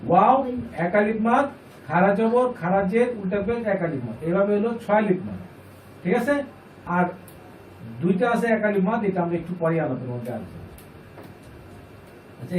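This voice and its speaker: A high-voiced man teaching a reading class, patient and repetitive, pausing to quiz his students. He sounds distant from the microphone, in an echoey room with faint noise behind him. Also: lively intonation, darkish tone. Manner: patient, repeats points and asks the class questions. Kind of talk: classroom lesson.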